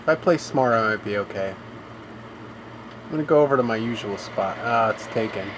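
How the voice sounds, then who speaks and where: A man's voice: on the low side, fairly quick, background noise. Man rambling through gloomy complaints. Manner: rambling, complaining, fills with "you know". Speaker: game streamer. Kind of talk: live gameplay commentary.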